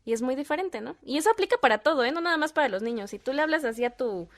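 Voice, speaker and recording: A woman, a podcast guest and mother, telling animated stories and acting out quoted dialogue. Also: sits high, rapid-fire. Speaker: guest, voice-over artist and mother. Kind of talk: casual podcast chat.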